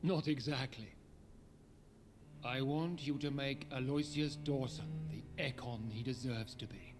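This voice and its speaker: A man's voice: mid-range voice, unhurried, lightly acted. Man playing a pompous vampire lord over music. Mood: solemn, commanding. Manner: pompous, ceremonious, commanding. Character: haughty aristocratic male vampire lord, chairman of gentlemen's club. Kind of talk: dramatic video game acting. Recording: music behind the voice.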